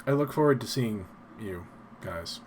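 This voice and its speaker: A man with a soft, breathy voice hosts a casual live stream in the manner of an old-timey radio announcer. He is low-spoken and takes his time, rambling along in a self-deprecating way. Faint noise sits behind his voice. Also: lively intonation, measured pace.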